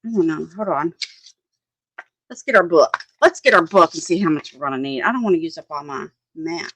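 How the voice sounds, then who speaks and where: A woman's voice: low voice, lively intonation, a little fast, a bit bright, no room sound, rough recording. A woman, chatting casually as she works on a craft project, thinking aloud, often laughing, and answering viewers' comments. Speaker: crafting livestream host.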